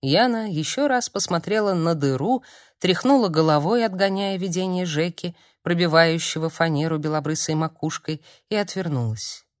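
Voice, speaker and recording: A woman narrating an audiobook in a calm, measured reading. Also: on the low side, no echo, clean studio sound. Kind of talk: scripted narration.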